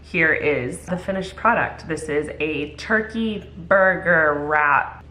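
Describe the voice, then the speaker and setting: A woman's voice: low voice, takes it slowly, pushed and bright, poor audio. A woman vlogging in a casual, chatty way, full of "like" fillers. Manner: chatty, filler-heavy with frequent "like". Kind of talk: casual chat to camera.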